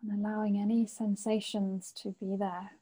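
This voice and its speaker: Soothing, mellow woman guiding meditation. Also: medium pitch, flat delivery. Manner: gentle, unhurried phrasing with long pauses. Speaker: guided meditation teacher. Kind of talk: guided meditation, soothing like a sleep story narrator.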